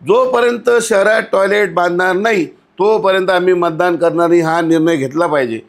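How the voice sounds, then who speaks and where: A man with a high voice speaks at a moderate pace as a guest on a conversational podcast interview. An outspoken commentator on local civic issues, he's blunt, indignant and scolding, firing off lots of rhetorical questions.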